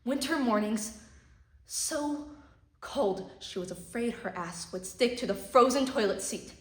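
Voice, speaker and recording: A woman performing a theatrical monologue as a tragic, bitter and sorrowful woman haunted by hardship, speaking deliberately with pauses. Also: a little high, lively intonation. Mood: bitter anguish. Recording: echoey room.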